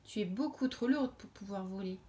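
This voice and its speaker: Une femme qui prête sa voix à un petit moineau sensé qui explique les choses avec fermeté, dans un conte. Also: female voice, mid-range voice, normal speed, mellow, close to an everyday voice. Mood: firm. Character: sensible little sparrow, lecturing.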